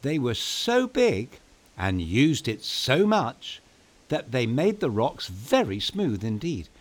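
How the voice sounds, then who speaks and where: A bedtime podcast host narrates a scripted tale for children, playful and theatrical, speaking right to his young audience. His mid-range voice takes huge pitch swings, and he goes slowly. Music runs in the background.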